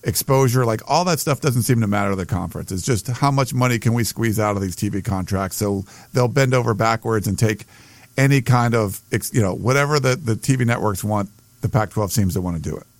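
An American man co-hosts a sports podcast in casual conversation, sounding hesitant and circling back over his phrases. His voice is lowish and brisk, with no room sound.

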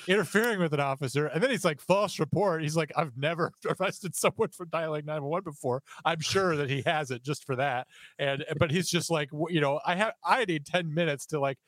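A male podcast co-host laughs and retells a clip animatedly. He talks slightly high for a man, recorded close in a dry room. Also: fairly bright tone, no echo. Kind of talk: casual podcast commentary.

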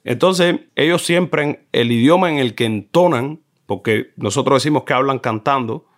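A middle-aged Cuban man speaks at a mid-range pitch, with the easy flow of a guest in relaxed conversation. He drifts into animated stories and imitates regional ways of talking. The tone stays conversational and unhurried. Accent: Cuban Spanish. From Cuba. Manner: animated storyteller, mimics regional speech. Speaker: guest, film director. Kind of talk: casual conversation.

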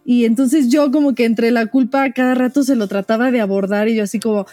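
A woman's voice: on the high side, steady tone, a little fast, mellow, no room sound, faint music behind. A woman host, a mother, talking casually with many hesitant fillers. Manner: rambling, hesitant, many "este" fillers, laughs. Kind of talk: casual podcast chat.

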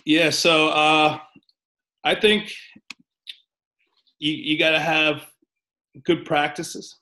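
An American man, a coach, chatting casually and haltingly, often repeating words. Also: a little high, level tone, sharp tone. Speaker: basketball coach. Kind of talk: casual podcast chat.

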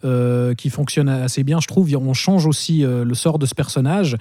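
A man giving a measured take on a film in a casual review, hedging with fillers. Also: medium pitch, mellow, no room sound, studio quality. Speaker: film critic.

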